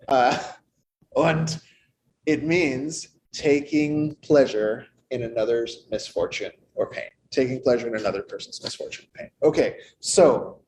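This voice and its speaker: A man giving a sermon as minister, in a conversational, playful way with animated asides. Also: medium pitch, slight background noise, low-quality recording. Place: church sanctuary.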